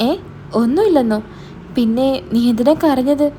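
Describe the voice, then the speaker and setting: A woman voices a stern older brother in her own natural register, firing off suspicious, hard-pressing questions. Her tone is mellow and dark instead of bright, pitched slightly high, with a faint hiss in the background. She speaks at a normal speed, much like everyday talk, with an interrogating edge.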